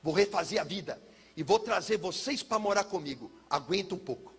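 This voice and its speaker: A man voicing his tired mother, a middle-aged woman, speaking quiet and resigned. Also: high-pitched, animated, fairly quick, gravelly, slightly rough, pitched below the performer's own voice, full character voice.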